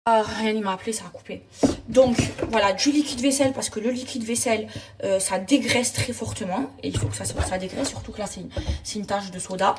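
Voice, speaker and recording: Briskly and at medium pitch, a woman talks casually to her followers in a daily vlog while doing housework, addressing them as girls with an emphatic, slangy, chatty style. Background noise and cleaning clatter come through a distant mic.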